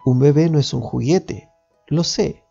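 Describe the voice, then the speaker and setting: A man's voice: fairly high pitch, a little slow, vocal fry, mellow, breathy edge, lo-fi sound, soft background music, exaggerated voice. A man voicing a serious, patient father in a storybook reading.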